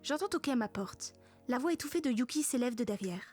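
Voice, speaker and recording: A high-voiced woman narrates a comic story in the first person. Her delivery is casual, slangy and sarcastic, recorded dry and close over faint music. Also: expressive, brisk, warm tone, no echo. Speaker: narrator of a comedic story parody.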